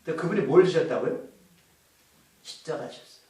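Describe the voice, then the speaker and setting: A man's voice: fairly high pitch, brisk, mellow. A man preaching a sermon as pastor, asking the congregation questions as he goes. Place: church hall. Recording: echoey hall, voice from far off.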